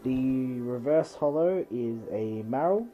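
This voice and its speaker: This unboxing host opens trading card packs in his bedroom, listing what he pulls in a casual, matter-of-fact way with no script. He talks slowly in a medium pitch with lively intonation. The sound is narrow and tinny, with a slight hiss or hum.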